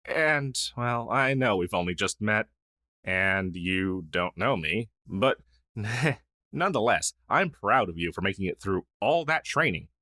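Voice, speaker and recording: In an ASMR fantasy roleplay, a man plays a male crow demon, a former witch's familiar who has fallen on hard times. His lowish voice is very animated, rising and falling as he stammers earnestly, flustered and hesitant, in a warm, explanatory mood and at an unhurried pace. The recording is dry and close.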